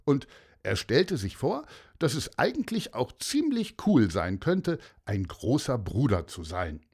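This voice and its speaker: Slow, gentle male storyteller. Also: mid-range voice, wildly swooping pitch, slightly rough. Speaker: narrator. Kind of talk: children's audiobook narration.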